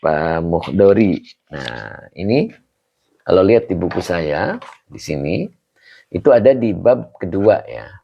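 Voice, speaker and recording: Low gravelly male religious teacher. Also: big pitch swings, takes it slowly, long pauses. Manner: greets students by name, teaches patiently. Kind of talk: online kitab class. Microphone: video call. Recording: dull lo-fi call audio.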